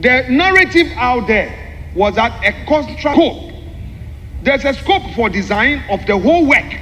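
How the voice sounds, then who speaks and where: A man delivering a formal parliamentary speech, explaining a document point by point in an emphatic, deliberate way with repeated phrases. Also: very high voice, big pitch swings, fairly bright tone. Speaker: member of parliament. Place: large parliamentary chamber. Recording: echoey hall with long reverb, background noise.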